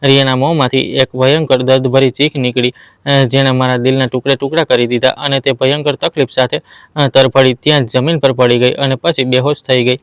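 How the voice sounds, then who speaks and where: Male storyteller, scripted narration, even monotone, dry studio sound. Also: mid-range voice, brisk, clear, resonant tone, dry recording.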